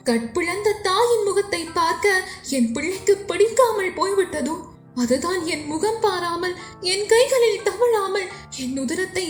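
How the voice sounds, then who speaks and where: A young woman with a Sri Lankan Tamil accent, narrating a novel chapter in a dramatic, emotive way. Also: very high-pitched. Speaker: storyteller. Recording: echoey room with faint music.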